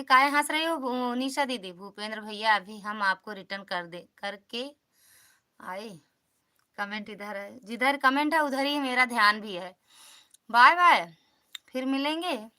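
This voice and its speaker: Casting: chatty Awadhi-accented woman, livestream host, high bright voice, greets every commenter. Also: a little slow. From Uttar Pradesh, India. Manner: chatty, greets commenters by name, calls for support and returns. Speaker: live stream host. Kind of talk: casual live-stream chat greeting viewers.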